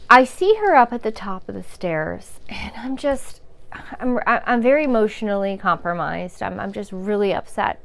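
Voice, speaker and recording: A woman telling a frank, rambling personal story about caregiving, with restarts, swearing and chuckles. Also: mid-range voice. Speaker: caregiver sharing her story.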